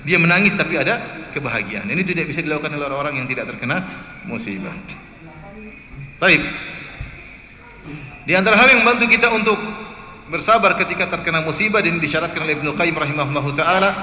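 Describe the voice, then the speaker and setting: A man's voice: fairly high pitch, lively intonation, quick pace, long pauses, pushed and bright. A man preaching a sermon in a mosque, telling stories and asking the congregation rhetorical questions. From Indonesia. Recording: echoey mosque hall, faint hiss.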